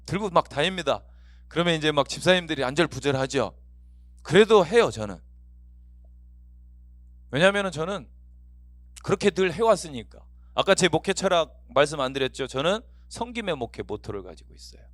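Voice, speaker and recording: A man's voice: on the high side, very animated, normal speed, long pauses, fairly bright tone, no room sound. A middle-aged man gives a lecture to fellow pastors and fills it with anecdotes and little acted-out quotes. His voice rises and falls with plenty of life. The sound is dry and close to the mic.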